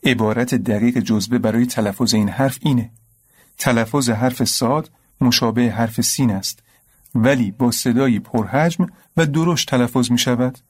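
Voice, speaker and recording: An actor playing a patient, knowledgeable young man in a radio drama, firmly and calmly correcting his friend. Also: mid-range voice, lightly acted. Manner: calm, instructive, firm. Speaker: patient religious tutor.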